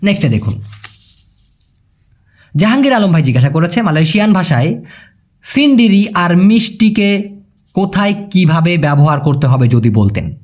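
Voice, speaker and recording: A man's voice: high voice, expressive, moderate pace, long pauses, darkish tone. A young Bangladeshi man giving a casual video lesson, chatty, calling viewers brother and checking that they follow. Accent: Bangladeshi Bengali. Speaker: language teacher.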